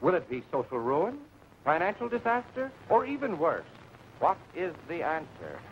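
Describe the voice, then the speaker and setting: An actor playing a grandiose lecturer making a theatrical speech with dramatic flourishes in a 1940s film. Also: male voice, a little high, wildly swooping pitch, moderate pace. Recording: muffled, noisy 1940s film soundtrack.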